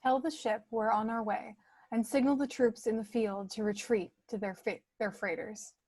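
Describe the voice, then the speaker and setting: A resolute young princess who leads rebels, acted by a woman, in a slightly high voice. It is read as part of a film script table read. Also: fairly even intonation, normal speed, darkish tone. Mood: commanding.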